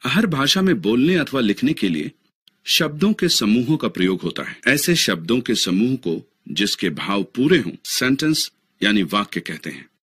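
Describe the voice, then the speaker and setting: A man narrating an animated lesson as a teacher, slowly and deliberately explaining and spelling out sounds. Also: medium pitch, slightly rough, no room sound. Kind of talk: scripted narration.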